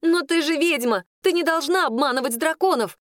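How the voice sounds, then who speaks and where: A woman's voice: brisk, a bit bright, dry recording, studio quality. A woman reading an audiobook, voicing a jealous, accusing young serving girl. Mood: angry. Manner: accusing, shrill and tearful. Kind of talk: audiobook character voice.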